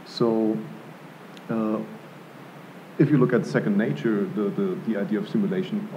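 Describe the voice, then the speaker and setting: Speaking at normal speed in a lowish, mellow voice with fairly even intonation, a German panel artist in his thirties answers at an art gallery event before a live audience. He hesitates thoughtfully, using many fillers and restarting often. Recorded through a table mic on a stand, the sound is dull and lo-fi with a little hiss or hum.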